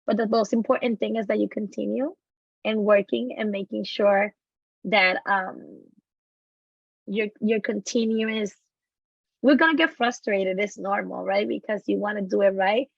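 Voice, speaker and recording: A woman educator speaking in an online session, encouraging and a little halting. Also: mid-range voice, vocal fry, no room sound. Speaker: educator, presenter. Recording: dry, muffled lo-fi audio.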